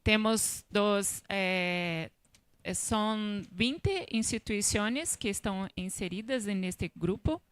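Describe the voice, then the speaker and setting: A woman with a Brazilian accent gives a panel presentation at a slow, halting pace. Her voice is clean and smooth, closely recorded and dry. A native Portuguese speaker, she speaks portuñol, blending Spanish with Portuguese as she searches for words. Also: medium pitch, no echo.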